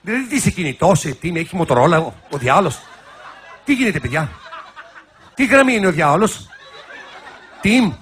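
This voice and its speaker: A man's voice: fairly high pitch, very animated, pauses often, fairly bright tone, slight background noise. A man hosting a satirical show, giving sarcastic, teasing comic commentary.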